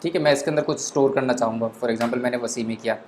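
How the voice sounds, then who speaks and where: A man's voice: mid-range voice, fast, a little mellow, a little hiss or hum. A man teaching a beginner programming lesson, explaining step by step, mixing English into Hindi, with frequent fillers. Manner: explains step by step, many fillers like 'theek hai'; mixes English phrases into Hindi. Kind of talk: screen-recorded coding lesson.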